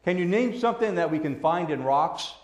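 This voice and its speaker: A man preaching a children's sermon as a pastor, gentle and patient like a Sunday school teacher, using simple words and questions. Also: fairly high pitch, expressive, fairly quick, slight background noise. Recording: echoey room.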